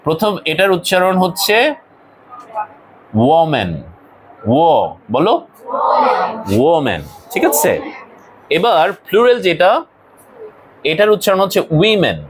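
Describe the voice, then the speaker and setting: A man's voice: sits high, lively intonation, unhurried, long pauses, noisy background. A male college English teacher, lecturing a classroom and explaining English words and phrases, sometimes scolding his students.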